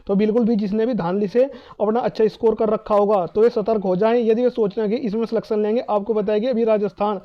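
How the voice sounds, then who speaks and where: Fast and steady, with a high-sitting voice and lo-fi audio quality, this male presenter gives exam candidates a casual explainer on cutoffs. He stresses his points forcefully, says them again, and asks himself questions along the way.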